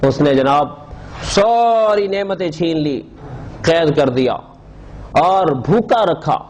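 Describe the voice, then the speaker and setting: A man's voice: a little high, expressive, a little mellow, rough recording. Fervent male preacher, faint noise behind. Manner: emotional, drawn-out sighs and repeated exclamations. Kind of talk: Urdu sermon storytelling.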